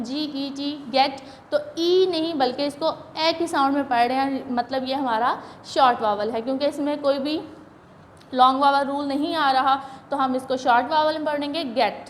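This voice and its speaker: Patient high-voiced woman teaching English reading. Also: a little hiss or hum. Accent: Pakistani. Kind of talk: classroom reading lesson.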